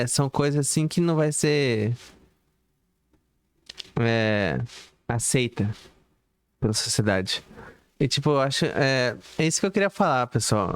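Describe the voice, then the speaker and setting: A man's voice: medium pitch, clean tone. A man talking alone to his viewers in a rambling, repetitive monologue full of fillers and restarts. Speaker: YouTuber.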